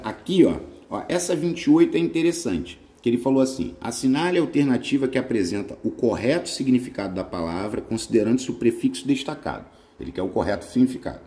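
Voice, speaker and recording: A Brazilian man with a Brazilian Portuguese accent runs through quiz answers for exam prep. His pitch swings widely from line to line, and his tone stays dark and mellow. He keeps tagging his points with "né?" and "tá?". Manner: animated, often checks in with "né?" and "tá?". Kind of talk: lively grammar quiz walkthrough.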